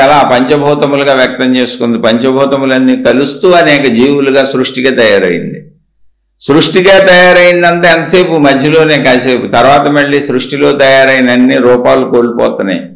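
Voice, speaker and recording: A man's voice: a little high, roomy sound. A man giving a spiritual discourse, asking rhetorical questions and answering them himself in a repetitive, emphatic teaching cadence.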